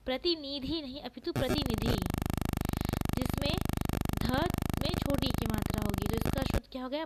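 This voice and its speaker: Female tutor, high pitch, drilling style, repeats answers slowly for exam prep. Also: poor audio. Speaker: teacher. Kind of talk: exam-prep spelling lesson.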